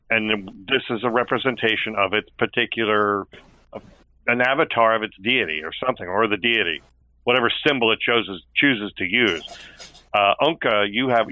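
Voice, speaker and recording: Bright, forceful low-voiced man at the game table. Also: fairly quick, no room sound, low-quality recording. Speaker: player in a tabletop role-playing game. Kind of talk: in-game discussion, narrating own character's actions.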